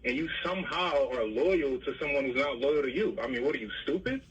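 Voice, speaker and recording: A man's voice: medium pitch, lively intonation, a little fast, breathy edge, distant mic, muffled recording. A man from Barbados calling in to a show, bluntly confronting the hosts. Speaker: caller.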